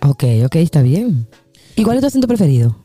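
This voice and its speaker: A woman's voice: deep voice, sing-song, fairly quick, dark tone, faint music behind. A Venezuelan woman co-hosting a podcast, flirty and teasing, laughing a lot. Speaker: podcast co-host. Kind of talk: playful casual banter.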